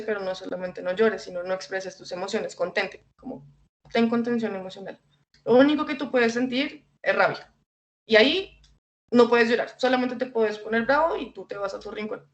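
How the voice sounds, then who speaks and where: Woman giving a chatty talk. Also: medium pitch. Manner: conversational, frequent fillers and light laughs. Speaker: invited guest speaker. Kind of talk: informal educational talk. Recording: dull lo-fi recording.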